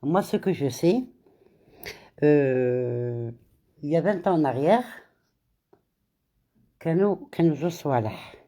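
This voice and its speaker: A middle-aged woman hosts a casual live chat. She greets viewers one by one in a relaxed way, and her voice sits low and dark. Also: moderate pace, long pauses. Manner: switches between French and Arabic, greets viewers by name. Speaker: live stream host.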